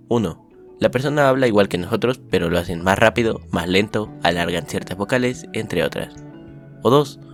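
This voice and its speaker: A man reading out a summary of the day's school lessons as scripted narration, upbeat at the start, then steady. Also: on the low side. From Mexico.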